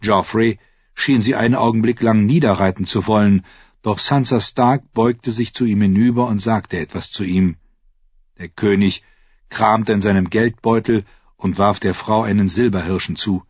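A man reading a fantasy novel aloud with dramatic, expressive narration. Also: on the low side, moderate pace, slightly rough, dry recording. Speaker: audiobook narrator. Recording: dry, slightly dull audiobook recording.

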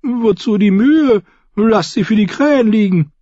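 A cowardly male jester with a shrill, whiny, pleading voice. He sounds sly and self-pitying, high and nasal-edged, in a storybook reading. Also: animated, unhurried, warm tone, no echo, dull audio. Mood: sulky.

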